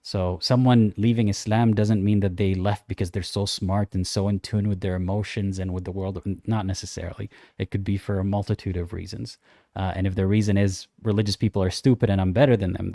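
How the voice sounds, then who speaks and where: A young man co-hosting a casual livestream chat, reading out viewer comments and answering them in a thoughtful, measured way. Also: sits low, flat delivery, gravelly, mellow, no room sound, studio quality.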